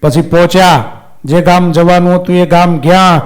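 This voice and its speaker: A male preacher tells a devotional folk tale in a lively way, slipping into each character's voice as the story goes. His voice sits high for a man. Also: normal speed. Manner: lively narration, acting out characters. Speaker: katha storyteller.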